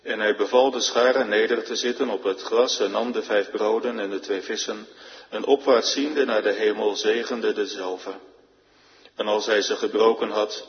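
A man giving a solemn, measured reading of scripture in church. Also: fairly low pitch. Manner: measured, formal. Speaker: scripture reader. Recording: reverberant, dull lo-fi church recording.

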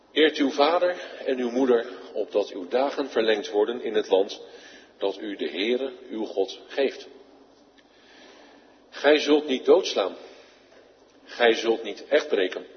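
A man reading scripture aloud in a formal church service, slow, solemn and measured. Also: medium pitch. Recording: dull, echoey church hall recording.

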